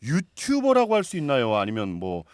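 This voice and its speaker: Lively male talk show host, animated pitch. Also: moderate pace, no room sound, studio quality.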